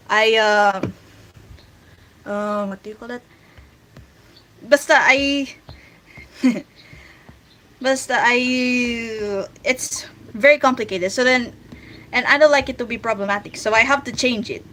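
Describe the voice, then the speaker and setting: A woman's voice: mid-range voice, normal speed, long pauses, sharp tone. Rambling Filipino woman, casual stream chat. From Philippines. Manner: rambling, filler-heavy, restarting thoughts aloud. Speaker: artist streaming while drawing.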